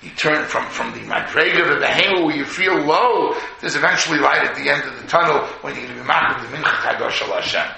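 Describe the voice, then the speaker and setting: A man's voice: on the high side, quick pace, gravelly, few pauses, pushed and bright. A man giving a Torah sermon as a rabbi, mixing with Hebrew and terms and telling stories with rhetorical questions. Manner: storytelling, rhetorical questions, voices imagined speakers, repeats phrases; mixes English with Hebrew and Yiddish terms. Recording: echoey room, faint noise.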